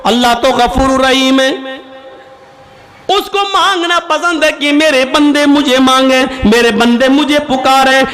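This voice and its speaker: A man preaching a sermon, telling stories with emphatic rises and drops. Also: very high-pitched. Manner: emphatic storytelling, rising and falling for emphasis. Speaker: Islamic preacher.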